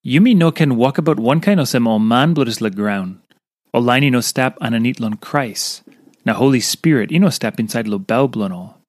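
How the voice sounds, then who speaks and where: A man's voice: mid-range voice, animated, normal speed, darkish tone, no room sound, clean studio sound. A man with a Papua New Guinean accent reading a scripted devotional in Papua New Guinea pidgin. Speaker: devotional reader.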